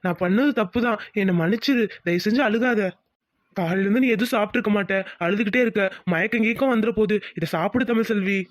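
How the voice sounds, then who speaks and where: A man's voice: high-pitched, quick pace, dry recording, studio quality. A man voicing several male characters in a Tamil cartoon story, pleading and emotional.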